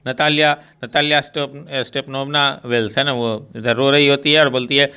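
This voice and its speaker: A man's voice: mid-range voice, fairly even intonation, moderate pace, sharp tone, smooth. A male English teacher explaining a play line by line in a chatty, explanatory lesson, often checking in with tag questions.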